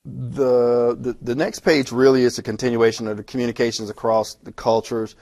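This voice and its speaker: A man talking fast and conversationally as he records a lecture walking through a textbook chapter, with frequent restarts. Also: mid-range voice, level tone, a little mellow. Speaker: instructor. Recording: self-recorded lecture audio.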